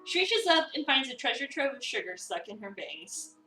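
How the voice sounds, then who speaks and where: A streamer gives a playful, theatrical dramatic reading of a visual novel, mixing in casual commentary. Her fairly high voice is sing-song and sharp-toned at a normal speed. The mic sounds distant and roomy, with music playing behind her.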